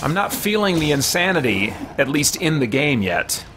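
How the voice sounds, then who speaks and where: There's heavy background noise along with the game music as this man in his forties hosts his livestream. His fairly high voice swings widely in pitch at a normal speed while he playfully talks to himself, his characters and the audience.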